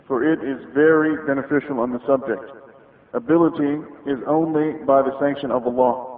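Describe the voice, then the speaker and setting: Male religious reader, formal and measured delivery with Arabic phrases, thin phone-like cassette sound in an echoing room. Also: medium pitch. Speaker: reader of religious rulings on a taped lecture. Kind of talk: scripted religious reading. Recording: muffled phone-like old cassette tape, echoey reverberant room.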